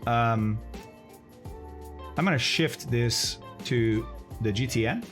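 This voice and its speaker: Speaking slowly at a medium pitch, a man streams a flight simulator and chats casually with his viewers, thinking aloud and laughing often. Faint music plays behind him throughout this relaxed live-stream talk.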